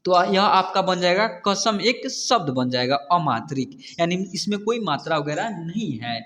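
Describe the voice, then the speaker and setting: A man teaching Hindi reading, sounding out letters and repeating each word twice in a slow lesson. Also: sits high, animated, fairly bright tone, big-room sound.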